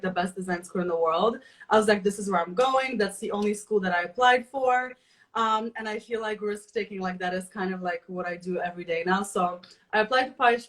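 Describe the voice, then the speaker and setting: A woman's voice: medium pitch, a bit bright, rough recording. A woman from Poland, a company founder, talking chattily in an online interview with many fillers. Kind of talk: casual interview conversation.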